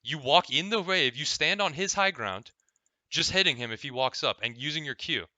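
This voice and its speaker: A man's voice: fairly high pitch, animated, moderate pace, sharp tone, dry recording. A man coaching a player over a gameplay replay in a casual, explaining way, often checking in with "right?" and swearing freely. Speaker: game coach.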